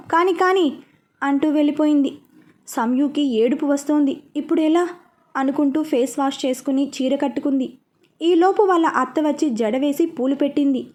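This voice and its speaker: A woman narrating a serialized love story in a steady, even reading. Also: high-pitched.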